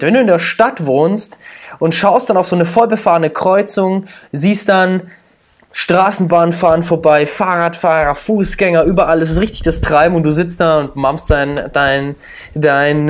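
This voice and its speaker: A young man co-hosting a podcast, telling relaxed, slangy stories in casual chat. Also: on the high side. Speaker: podcast co-host.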